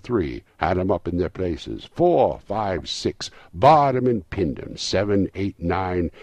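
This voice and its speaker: A man reading a story aloud in a lively, rhythmic, dramatic manner. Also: deep voice, gravelly, husky, no room sound.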